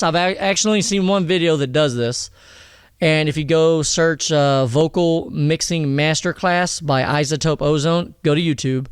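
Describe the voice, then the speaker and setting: Explaining vocal mixing, a producer speaks in a thin voice that's a little high, clear and resonant, keeping the tutorial relaxed and meandering with frequent "all right?" and "okay?" check-ins. He's in his home studio, and the recording is dry.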